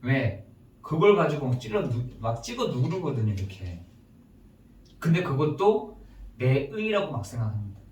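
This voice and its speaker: Emphatic Korean pastor in echoey church. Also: male voice, mid-range voice, sing-song, normal speed, pauses often, a little mellow. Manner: emphatic, acts out prayers and complaints in raised voice. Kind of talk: sermon. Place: church sanctuary. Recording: echoey church room, mic at a distance.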